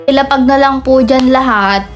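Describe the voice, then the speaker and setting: A woman's voice: high-pitched, normal speed, over loud music. A woman in a comedic skit, playing a nosy, bossy store cashier who chats and scolds customers.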